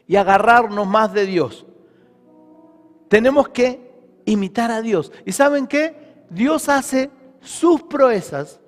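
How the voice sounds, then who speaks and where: High-voiced rioplatense preacher in a hall. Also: male voice. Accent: Rioplatense Spanish. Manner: emphatic preaching with rhetorical questions. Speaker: pastor. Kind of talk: sermon.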